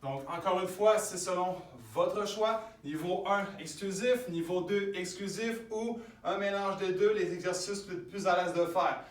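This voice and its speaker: A man's voice: moderate pace, few pauses, far from the mic. Québécois man coaching a workout, echoey room. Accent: Québécois French. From Quebec. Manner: counts reps aloud, louder and higher during sets. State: exercising while talking. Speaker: fitness instructor. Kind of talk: guided workout with counting.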